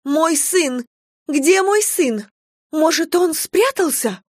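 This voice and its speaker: A woman's voice: high voice, moderate pace, no echo, studio quality, voice pushed up, lightly acted. A woman voicing a frantic young mother, panicked and pleading as she searches for her missing son. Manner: panicked pleading, rising to shouts.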